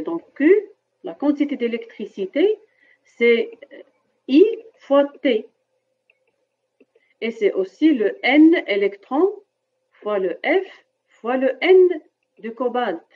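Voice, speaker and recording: Husky Moroccan woman teaching chemistry online. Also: fairly high pitch. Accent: Moroccan French. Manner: explains step by step and keeps asking "d'accord?". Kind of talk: online class lecture. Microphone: computer mic on a video call. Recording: dull lo-fi video-call audio.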